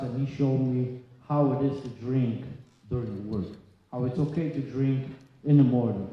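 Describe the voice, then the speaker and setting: In a hall full of long reverb that makes the audio slightly dull, a man tells his own story to a recovery group. He is from Poland, speaks Polish as his first language, is in his 30s or 40s, and has a medium pitch. He talks plainly, haltingly, in short phrases.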